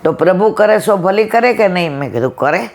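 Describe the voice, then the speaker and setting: A woman's voice: fairly low pitch, brisk. A woman telling a devotional story at a satsang, acting out the dialogue as she goes. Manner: lively retelling, acts out the dialogue. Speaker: satsang speaker.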